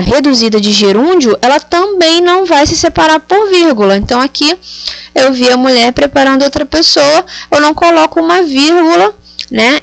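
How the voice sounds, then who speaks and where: A woman's voice: high voice, gravelly, no echo. A woman teaching grammar, explaining patiently and checking understanding with frequent tag questions. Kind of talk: explanatory lesson.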